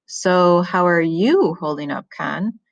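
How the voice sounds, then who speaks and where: A woman reading aloud as an awkward, gentle father checking in on his son. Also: lowish voice, takes it slowly, vocal fry, no echo, muffled recording.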